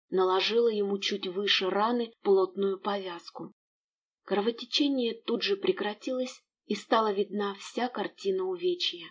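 A woman narrating an audiobook in an expressive storytelling manner. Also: medium pitch, husky.

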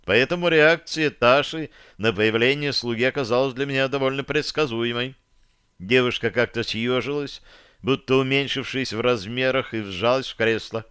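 A man narrates a first-person audiobook in an even, measured way. His mid-pitched voice is smooth and resonant. The recording is dry and close. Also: no echo.

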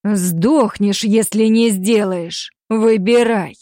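A woman voicing a ruthless male werewolf clan alpha in an audiobook, barking threats slowly and loudly. Her delivery is drawn out and domineering. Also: medium pitch, dry recording, clean studio sound, natural voice. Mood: furious. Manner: barking, threatening, slow and loud. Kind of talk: audiobook character voice.

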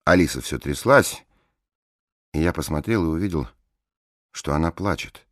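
A man calmly narrating an audiobook story. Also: rumbling low, moderate pace, no echo, clean studio sound.

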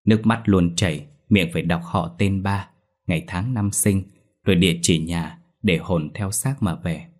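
A man narrating a first-person ghost story in a steady, somber way. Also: low voice, normal speed.

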